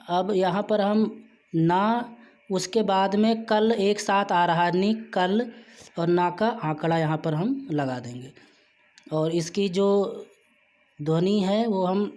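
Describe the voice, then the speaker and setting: A shorthand teacher giving a patient spoken lesson, with frequent "uh" fillers. The teacher slows down to spell example words out syllable by syllable. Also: mid-range voice, a little mellow. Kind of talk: spoken classroom-style lesson.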